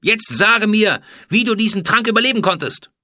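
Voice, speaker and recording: A man reading a storybook voices a proud, furious woman pharaoh who speaks loudly with cold menace. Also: high-pitched, expressive, normal speed, no room sound, clean studio sound, voice pushed up, full character voice. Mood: commanding. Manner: loud, cold and threatening.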